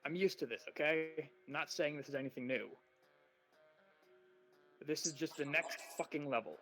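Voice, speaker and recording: A man doing a gravelly, manic troll boy. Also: a little high, normal speed, soft background music, lightly acted, low-quality recording. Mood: furious ranting. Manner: shouting, manic tirade with swearing. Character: furious young male troll, manic and ranting.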